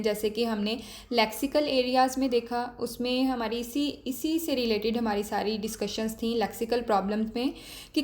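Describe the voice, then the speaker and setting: A woman with a somewhat high-pitched voice delivers a classroom-style lecture. She explains point by point in a steady, teacherly way. She pauses with small filler sounds and mixes English terms into her speech.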